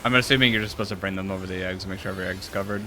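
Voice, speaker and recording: A man in his thirties with a low, steady voice talks at racing speed while streaming an online raid game from a small room at home, game music running behind him. His casual commentary is informal and slangy, with swearing sprinkled freely throughout.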